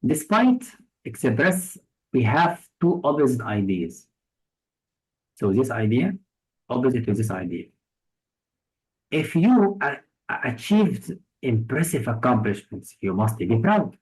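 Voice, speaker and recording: Man, Egyptian accent, test-prep vocab tutor; slow, deliberate, patient, lots of examples. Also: mid-range voice, big pitch swings, darkish tone, rough recording. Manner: patient, explains with many examples and synonyms. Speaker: English vocabulary teacher. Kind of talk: test-prep lesson explaining words.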